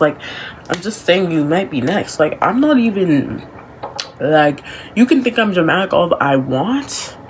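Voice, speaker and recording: A woman's voice: low voice, a little hiss or hum, rough recording. A woman chattily reading confessions aloud and reacting with amused, dramatic disbelief and slangy emphasis. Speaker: online content creator reading and reacting to submitted confessions.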